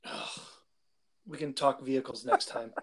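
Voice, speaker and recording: A man's voice: medium pitch, steady tone, measured pace, slightly rough, no room sound, studio quality. A man co-hosting a casual chat, teasing and stubbornly arguing his side. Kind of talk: casual banter.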